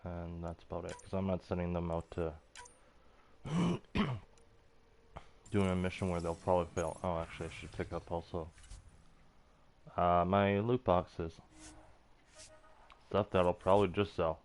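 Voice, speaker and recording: A man's voice: low voice, level tone, unhurried, long pauses, a little mellow, a little hiss or hum. A man losing his voice, giving rambling, half-muttered commentary on a game he is playing. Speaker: game streamer. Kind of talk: casual gameplay commentary.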